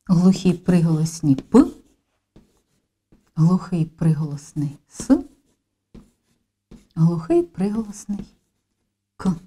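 A woman teacher narrating a lesson in a slow, careful, deliberate way. Her voice is mellow and soft-edged, and her pitch moves freely up and down as she stresses each step. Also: animated, breathy edge.

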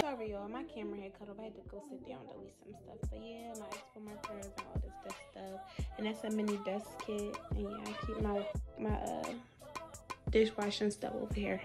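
Young college girl showing off her dorm stuff, chatty, faint music in the back. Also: medium pitch. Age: young adult. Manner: chatty, listing items, addresses viewers as y'all. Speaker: college freshman vlogger. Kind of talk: casual dorm tour vlog. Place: small dorm room indoors.

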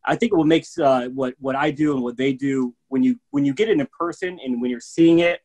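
This man, a middle-aged bourbon educator from Michigan, USA, is speaking casually on a video call from a room at home. Upbeat and eager, he rambles on with lots of fillers, his mid-range voice fairly quick and somewhat dark in tone.

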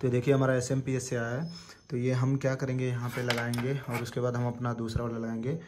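A man casually walking viewers through installing a hard drive, talking in a steady, repetitive instructional way. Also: medium pitch, quick pace. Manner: flat, repetitive instructional talk with fillers. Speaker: tech tutorial host. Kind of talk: casual hands-on tutorial. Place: indoors at a desktop PC. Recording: noisy home recording.

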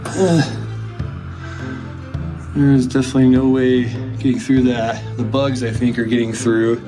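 A man's voice: mid-range voice, little pitch movement, measured pace, over music. Laid-back man vlogging outdoors. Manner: laid-back, chatty, many fillers. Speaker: vlogger exploring mines. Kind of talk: casual vlog narration. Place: outdoors hiking and inside mine tunnels.

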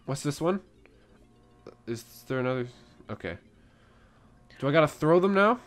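Excitable young man with a lively voice. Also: on the high side, moderate pace. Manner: excitable, swears, bursts into loud yells. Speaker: let's play co-host. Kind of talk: casual gaming chat.

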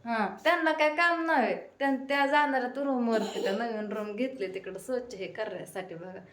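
In an echoey home kitchen, a mother and vlogger in her thirties chats casually to her viewers while doing chores. Her voice is fairly high, a bit bright and quick, and she talks straight to the camera while staying busy.

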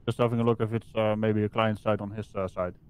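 A man playing a group game online, calmly organizing the others with some hesitant pauses. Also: lowish voice, smooth. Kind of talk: casual gaming chat.

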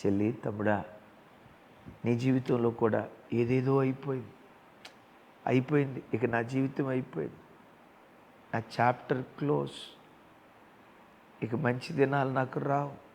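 A male pastor delivers an impassioned sermon with a gravelly, rough-edged voice. He speaks straight to his listeners as brother and sister and builds toward forceful passages. His voice rings out with a long reverb in a big hall over a faint murmur of ambience. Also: medium pitch, fairly even intonation, normal speed, pauses often, slight background noise. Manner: impassioned preaching that swells into loud emphatic passages.

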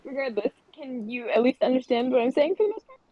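A woman's voice: high voice, animated, fast talker, highs cut off, a crowd in the background. Woman on voice chat with cave-like echo. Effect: hollow cave-like echo on voice chat. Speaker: friend on voice chat. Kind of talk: casual chat. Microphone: earbuds over voice chat.

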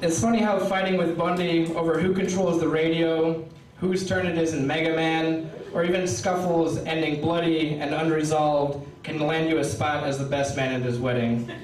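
A man's voice: on the high side, level tone. Young man giving a rhyming best-man toast. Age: young adult. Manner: reads rhymes aloud, pausing for laughs. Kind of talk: rhyming wedding toast read from paper. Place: wedding reception hall, indoors. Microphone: stand mic, filmed by a far camera. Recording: roomy hall audio from a distant camera. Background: guests laughing.

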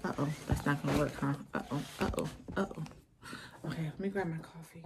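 Brief: thirties woman, deep voice, chatty vlogger talking to camera at home. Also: a little fast, creaky, noisy background. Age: 30s. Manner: chatty, talks straight to viewers. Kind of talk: casual vlog chat. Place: home room, indoors. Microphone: phone or camera at close range.

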